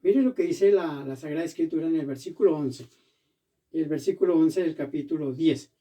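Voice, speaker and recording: A man preaching a sermon as pastor in a church, animated and acting out the voices he quotes. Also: on the high side, moderate pace, distant mic.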